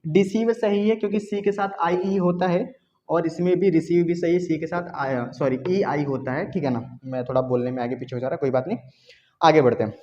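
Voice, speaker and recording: An Indian man teaching an exam grammar lesson in a high, mellow voice. He breaks each question down step by step and keeps asking his students what the answer will be. The recording is dull and lo-fi, with a faint hiss behind him. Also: fairly quick. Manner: explains step by step, repeats questions back to students. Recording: dull lo-fi sound with faint noise.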